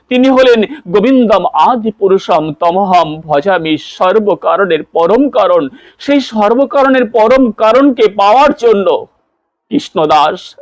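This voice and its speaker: High-voiced male devotional preacher. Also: no room sound. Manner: storytelling, breaks into chanted mantras. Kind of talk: devotional sermon with chanting.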